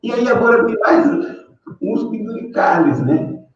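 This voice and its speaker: A man's voice: very high-pitched, expressive, unhurried. An older man talking casually as a professor guest on a live stream, rambling with frequent tag questions and fillers. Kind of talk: casual opinion talk. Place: room on a live video call. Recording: distant, echoey, dull lo-fi sound with faint noise.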